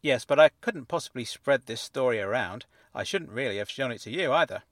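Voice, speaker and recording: A man's voice: mid-range voice, expressive, fairly quick, no room sound, studio quality, close to an everyday voice. A man voicing a polite, somewhat guarded teenage boy who speaks hesitantly and earnestly.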